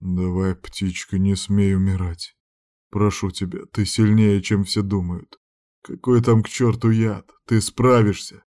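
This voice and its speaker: A man's voice: on the low side, steady tone, unhurried, few pauses, darkish tone, lightly acted. A man voicing a harsh, powerful nobleman in an audiobook, clipped and commanding. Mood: tender whisper. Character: stern powerful man, harsh but tender to a child. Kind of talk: audiobook reading.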